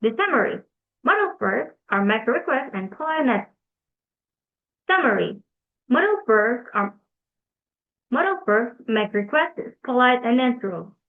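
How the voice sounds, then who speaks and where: A young woman delivers a student class presentation. Her voice sits a little high, and she reads carefully and deliberately, fixing her own slips. The sound is thin and phone-like. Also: sing-song. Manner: careful, deliberate read-aloud delivery with self-corrections. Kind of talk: read-aloud class presentation. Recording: tinny phone-like recording.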